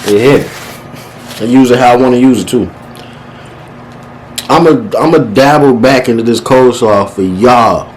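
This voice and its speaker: A man's voice: mid-range voice, a little slow, long pauses, darkish tone, a little hiss or hum, low-quality recording. A man hosting a casual eating show, talking with his mouth busy in a playful, exaggerated, slangy and profane way. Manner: talks while eating. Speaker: vlogger hosting a mukbang.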